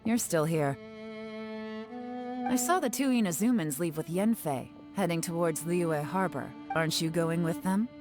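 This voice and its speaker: A woman playing a cool, teasing, secretive investigator in a video game, measured and sly. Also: on the low side, over music, natural voice. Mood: coolly businesslike.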